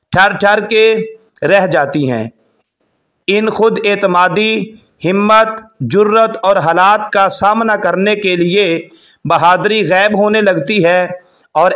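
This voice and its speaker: High-voiced man reading formal advice. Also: fairly bright tone. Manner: measured, formal delivery in short phrases. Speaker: parenting advice presenter. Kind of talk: scripted advice narration.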